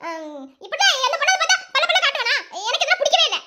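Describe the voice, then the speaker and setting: A young woman acting a jealous, bossy young woman who scolds loudly and quickly. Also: very high-pitched, big pitch swings, background noise. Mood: scolding. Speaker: comedy skit actor. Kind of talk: comic sketch acting.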